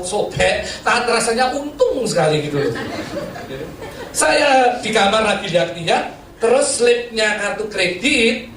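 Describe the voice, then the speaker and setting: A man's voice: high-pitched, fairly bright tone, distant mic. A male pastor preaching a sermon, telling a funny story, laughing often and acting out the dialogue. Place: church hall. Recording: roomy hall, mic from afar, faint noise.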